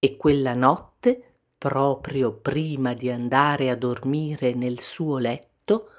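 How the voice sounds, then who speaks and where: A woman narrating a children's storybook gently and expressively. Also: a bass voice, fairly even intonation, slow pace.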